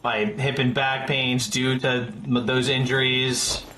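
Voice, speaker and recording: A man's voice: medium pitch, little pitch movement, slow, bright, forceful tone, echoey room, slight background noise. A man in his thirties giving casual live gameplay commentary, chatty and rambling as he talks to his chat. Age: 30s. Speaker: streamer.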